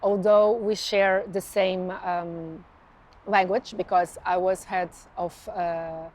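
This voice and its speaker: A woman's voice: fairly low pitch, steady tone, slow, a little hiss or hum. A Portuguese woman with a Portuguese accent answering interview questions in English, hesitant with many restarts and frequent laughs. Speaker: interview guest, communications professional.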